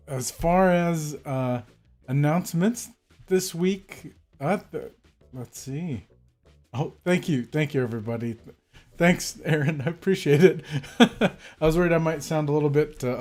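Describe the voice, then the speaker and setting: On a calligraphy live stream, a man with a medium-pitched, somewhat dark voice chats loosely, his nose a bit stuffed up from a cold. He's warm and friendly, calls out viewers by name, and wanders through his talk with plenty of filler words.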